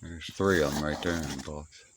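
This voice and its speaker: Very deep and fairly even in intonation, this man's voice moves a little fast as he rambles through a casual tour of his old radio equipment. Middle-aged or older, he speaks in a folksy, plainspoken way, half talking to himself in a cluttered room being emptied. The homemade recording is noisy, with clicks and insects chirping.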